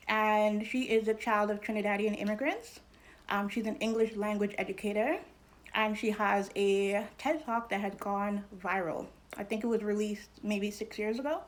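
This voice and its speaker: A young adult woman from New York hosts her channel, giving a casual educational talk to camera. She's animated and chatty, uses fillers, and speaks at a medium pitch.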